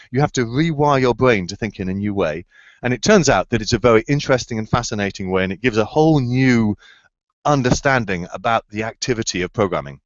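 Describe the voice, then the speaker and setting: A man's voice: fairly low pitch, no room sound. Man explaining over a video call. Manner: enthusiastic, searching for words with fillers and restarts. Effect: heard over a video call. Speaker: computer science researcher answering student questions. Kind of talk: explanatory answers in a remote Q&A. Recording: slightly dull, dry video-call audio.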